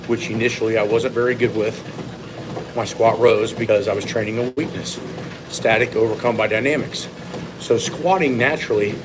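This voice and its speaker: A man's voice: medium pitch, background noise. A man giving a casual, opinionated, off-the-cuff training monologue as a strength coach, speaking bluntly. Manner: blunt, opinionated, occasional swearing. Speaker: strength coach and former competitive lifter.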